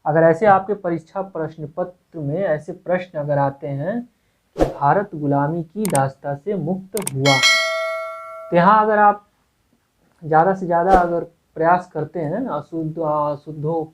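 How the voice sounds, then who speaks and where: A man's voice: a little high, a little slow, background noise. A male Hindi grammar teacher giving an exam-prep lecture. He repeats words, asks himself rhetorical questions and keeps checking in with "okay". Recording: tinny phone-like lo-fi audio.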